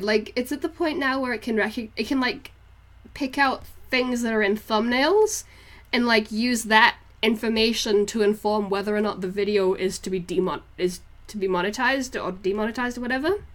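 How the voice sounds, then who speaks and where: This art livestreamer, originally from northeast England but in New Zealand since childhood, speaks with a hybrid of those two accents. She's young and rambles casually to her viewers, giggling and keeping things informal, in a fairly high voice at a moderate pace.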